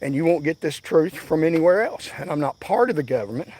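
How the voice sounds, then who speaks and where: Man, 60s, livestream host, breathless on the move outdoors, pushy preaching delivery, slightly high pitch. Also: lively intonation, quick pace, a little mellow. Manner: insistent, preaching to viewers. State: out of breath from jogging. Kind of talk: livestream commentary. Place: outdoors, on foot.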